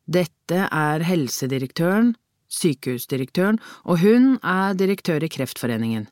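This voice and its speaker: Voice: mid-range voice, animated, a little mellow, no echo, lightly acted. An audiobook reader voicing a male investigator who presses impatiently, recorded on a dry studio mic. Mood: explaining. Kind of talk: audiobook character voice.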